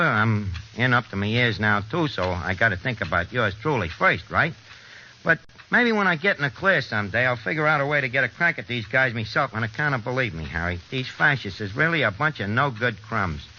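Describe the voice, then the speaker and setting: In an old radio drama, a male actor with a medium-pitched, sharp voice plays a wisecracking small-time American forger, talking in a slangy, hesitant, streetwise way. It's 1940s-style radio acting, and the recording is dull and noisy.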